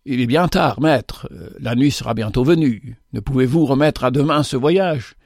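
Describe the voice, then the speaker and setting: A man's voice: mid-range voice, moderate pace, gravelly, darkish tone, no echo, studio quality. A man voicing an elderly male servant who pleads hesitantly and respectfully. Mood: cautious. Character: old male servant, cautious and deferential.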